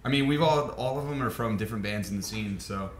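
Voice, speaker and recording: A man's voice: lowish voice, quick pace, echoey room. A man guest in a band, chatting casually, laid-back, laughing and swearing easily. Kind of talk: casual chat.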